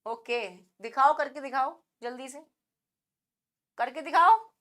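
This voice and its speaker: A woman teaching an online exam-prep class, teasing her students and peppering them with quick questions. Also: high-pitched, a bit bright. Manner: playful and teasing, imitates animal sounds; asks the class many rhetorical questions.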